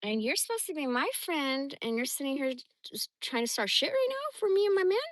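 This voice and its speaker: A woman's voice: high-pitched, very animated, brisk, dry recording. A woman from the Bay Area telling rambling personal stories on a casual livestream, blunt and profane. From San Francisco Bay Area. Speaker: livestream host.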